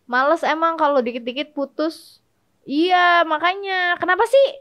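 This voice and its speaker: A woman's voice: extremely high pitch, a little slow, fairly bright tone. A young woman hosting a casual comedic advice talk, chatty and playful, laughing often as she tells stories. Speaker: host.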